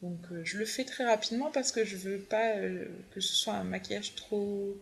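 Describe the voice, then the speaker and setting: A woman's voice: mid-range voice, fairly even intonation, normal speed, vocal fry. A young woman, a beauty vlogger, walking through her makeup steps in a chatty, upbeat tutorial. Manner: chatty, fond of her favorite products.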